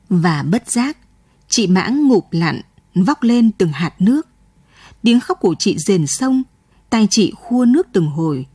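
Woman doing sorrowful late-night radio story narration, dark tone, dry close sound. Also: mid-range voice, slightly rough, no echo. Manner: slow, sorrowful reading.

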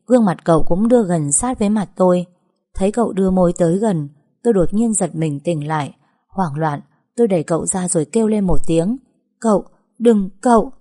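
A woman narrating a first-person story in a steady, even way. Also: lowish voice.

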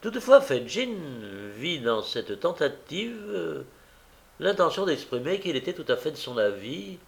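A man narrating a classic novel as an audiobook, measured, with occasional hesitations. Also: a little high, sing-song, gravelly.

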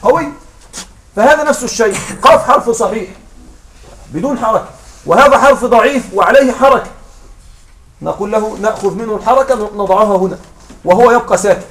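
High-voiced male teacher, distant mic. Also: a little fast, pauses often, a bit bright, a little hiss or hum. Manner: patient, checks understanding with repeated questions. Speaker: Arabic grammar teacher. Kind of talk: classroom lesson.

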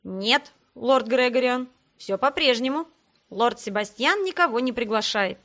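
Woman doing a creaky, slow goblin servant. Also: a little high, lively intonation, fairly bright tone. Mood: deferential. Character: hunched green creature, male servant, deferential. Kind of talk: audiobook character voice.

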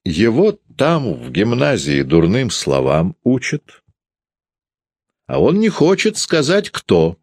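A man's voice: fairly low pitch, wildly swooping pitch, slow, darkish tone, no echo, studio quality, voice pushed up, full character voice. A man voicing a sullen, spiteful middle-aged male schoolteacher who needles and pries. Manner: needling, malicious, prying.

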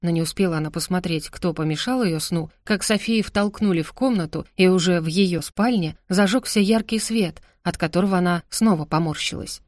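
A woman narrating a novel as an audiobook in a steady, expressive storytelling manner. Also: fairly low pitch, fairly quick, few pauses, no echo, studio quality.

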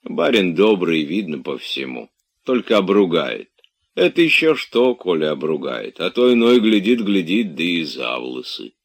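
A man's voice: low voice, sing-song, moderate pace, gravelly, exaggerated voice. Man voicing Zakhar, a grumbling old manservant. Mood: musing. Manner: grumbling, coaxing, then exasperated. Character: grumbling elderly male manservant.

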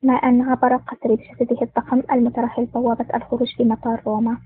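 Fast-reading woman audiobook narrator. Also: on the high side, little pitch movement, husky. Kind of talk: scripted narration. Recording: tinny phone-like dry recording.

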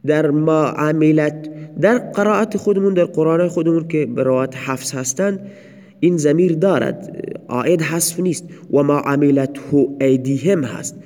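Man, grammar teacher, audio lecture, deliberate, repeats examples, slightly high pitch, long reverb. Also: a little mellow.

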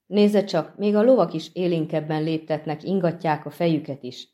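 A woman voicing a chatty, grateful middle-aged peasant man in an audiobook, talking in a folksy, animated way. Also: low-pitched, lo-fi sound, lightly acted. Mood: earnest. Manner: folksy, animated, respectful to his master. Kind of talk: audiobook reading.

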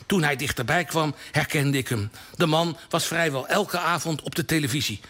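A man's voice: on the high side, normal speed. Een man van in de vijftig uit Nederland die op een levendige, theatrale manier een kerstverhaal voorleest. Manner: animated, theatrical reading with lively voiced dialogue. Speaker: columnist reading a Christmas story. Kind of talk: scripted storytelling read aloud. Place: live radio broadcast from a hall.

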